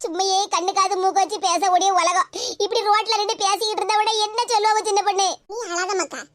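Woman doing a squeaky self-pitying cartoon wife. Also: flat delivery, quick pace, a bit bright, dry recording. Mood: aggrieved. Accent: Tirunelveli Tamil. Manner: complaining, plaintive. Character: aggrieved middle-aged woman, self-pitying and dramatic.

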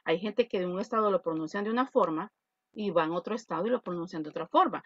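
A woman's voice: lowish voice, quick pace, a bit bright, dull audio. A woman English teacher with a Salvadoran Spanish accent, patiently explaining an online class and repeating her points.

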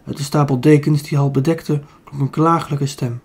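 A man's voice: fairly high pitch, steady tone, moderate pace, darkish tone, husky. A man with a Dutch accent reading a children's book aloud, with small slips he corrects as he goes. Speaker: audiobook reader.

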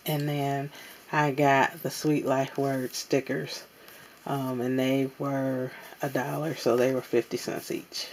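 A woman casually showing off her craft supply haul at a table, talking in an unhurried way with many ums and pauses. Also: rumbling low, little pitch movement, darkish tone, a little hiss or hum. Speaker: crafting vlogger. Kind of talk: casual haul show-and-tell. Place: indoors at a tabletop.

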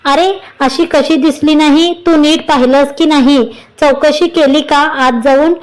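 A woman's voice: sits high, fairly even intonation, unhurried, rough recording. Woman reading as an alarmed young husband. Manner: urgent, raising his voice. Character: anxious young husband and father, man.

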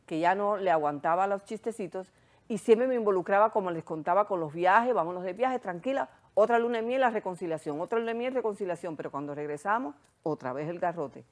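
A woman with a Hungarian accent, a sexologist guest recounting her story in animated, casual chat. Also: medium pitch, quick pace.

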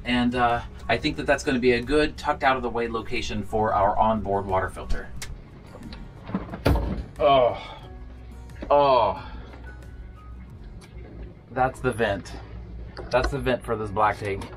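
Speaking slowly with long pauses and faint music behind him, a thirtysomething boat owner chats casually to his vlog audience as he works on a project on his catamaran, some of it in a small cabin. His pitch is medium.

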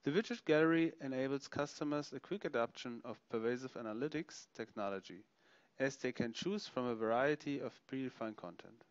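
A man narrating a software product demonstration, explaining features step by step as he clicks through them. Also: mid-range voice, fairly quick, smooth, no room sound, lo-fi sound. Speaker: software demo presenter.

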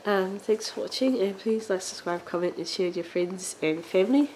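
A woman hosting her own doll collecting channel, describing a vintage doll in a casual show-and-tell with many ums and halting pauses, now and then coughing. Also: mid-range voice, darkish tone, a little hiss or hum, low-quality recording. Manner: hesitant, many ums and uhs, halting phrasing; occasional coughs. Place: indoors at home, on a sofa.

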